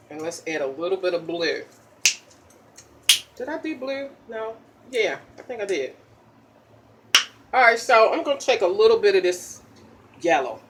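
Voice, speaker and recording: A woman with a lowish voice hosts a chatty, ASMR-style makeup tutorial, popping her gum as she talks. She asks "okay?" after each step, with background noise in the recording.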